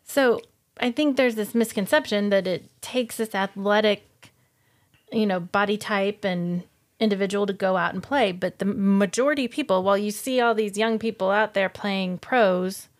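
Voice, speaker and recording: A middle-aged woman co-hosts a relaxed podcast, patiently walking through facts and figures while her partner jokes. Her voice sits at an ordinary middle pitch. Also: moderate pace. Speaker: podcast co-host. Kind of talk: casual chat.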